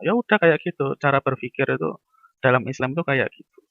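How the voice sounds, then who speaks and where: A man's voice: mid-range voice, fast, creaky, no echo, phone-quality sound. A man giving a casual university lecture, talking through everyday examples and acting out little dialogues.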